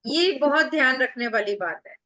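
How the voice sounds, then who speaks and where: High, bright-voiced woman teaching online. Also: animated, normal speed, no echo, lo-fi sound. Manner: explains step by step, asks rhetorical questions; firm with students. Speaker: acupressure teacher. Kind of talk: online revision lecture.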